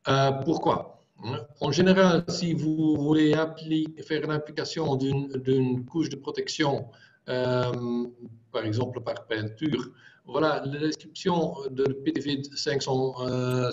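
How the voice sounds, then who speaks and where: A man who is not a native French speaker, presenting technical material in halting French with a foreign accent. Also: medium pitch, a little mellow. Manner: halting, filler-heavy non-native phrasing. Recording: dull lo-fi video call audio.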